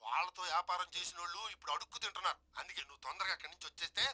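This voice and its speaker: Comic film actor, man, high pitch, very quick, scheming gossip. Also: bright, forceful tone, breathy edge. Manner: scheming, badmouthing on the phone. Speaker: film actor in a comedy scene. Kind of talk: film comedy acting.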